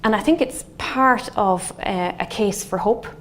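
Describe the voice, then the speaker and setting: A middle-aged woman from Galway with a west of Ireland accent, a scientist giving an explanatory lecture in a thoughtful, halting, semi-conversational way. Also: mid-range voice. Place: indoor wood-panelled lecture room. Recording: faint steady room noise.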